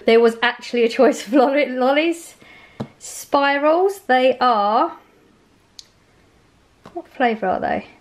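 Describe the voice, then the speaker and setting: A woman in her forties chats cheerfully in her home kitchen, rambling about the bargains from her grocery haul for her vlog. Her voice is high, and she takes it slowly, pausing often.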